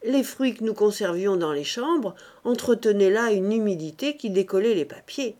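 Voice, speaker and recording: A woman narrator voicing a brusque, irritable middle-aged husband in a storybook reading, loud and peevish. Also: medium pitch, lively intonation, moderate pace, close to an everyday voice. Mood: explaining.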